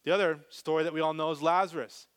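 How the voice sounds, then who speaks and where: Brief: male pastor, live sermon, animated delivery with big swings in loudness, fairly high voice. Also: quick pace, clear, resonant tone. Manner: animated, swings from loud to very soft.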